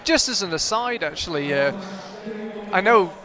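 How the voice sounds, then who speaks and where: A man commentates live on a climbing competition in a big hall, chatty and analytical, thinking aloud as the action unfolds. His voice sits high, animated, at a moderate pace. A loud crowd fills the recording.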